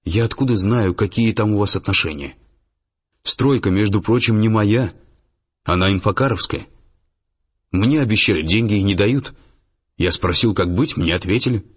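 A man voicing a reserved, calm male businessman who answers in a measured way. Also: deep voice, slightly rough. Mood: guarded. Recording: dull lo-fi audiobook, faint music.

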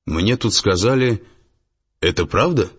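A man's voice: lowish voice, expressive, measured pace, a bit bright, breathy edge, pitched above the performer's own voice, full character voice. A man reading a hearty, teasing business partner. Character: jovial male business partner ribbing a friend. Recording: dull lo-fi audiobook, faint music.

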